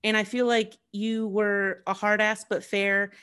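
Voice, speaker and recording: A man's voice: high-pitched, level tone, a little slow, pushed and bright, clean tone. A young adult man hosting a podcast, chatting in an enthusiastic, effusive way. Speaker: podcast host. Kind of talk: casual podcast interview.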